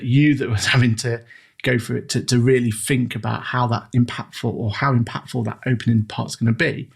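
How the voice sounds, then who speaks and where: A man's voice: medium pitch, gravelly, breathy edge. A man hosting a podcast, praising his guest effusively and restarting his words often as he leads into questions. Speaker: podcast host. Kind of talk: interview questions.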